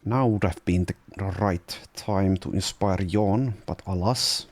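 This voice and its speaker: A man's voice: sits low, slow pace. A man giving casual gameplay commentary, thinking aloud as he plays. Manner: musing, thinking aloud with fillers. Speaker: let's play host.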